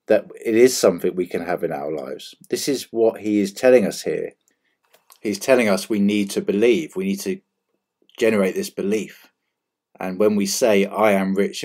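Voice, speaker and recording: A man giving an earnest, measured spiritual teaching, repeating key phrases for emphasis. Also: lowish voice, darkish tone. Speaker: channel presenter.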